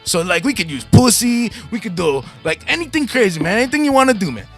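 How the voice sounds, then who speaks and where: High-pitched, brash game show goofball. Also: male voice, very animated, fast, a bit bright, faint music behind, full character voice. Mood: excited. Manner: brash, profane, sing-song, egging players on. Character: excitable, crude, goofy male game show host called Paco. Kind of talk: radio word game hosting.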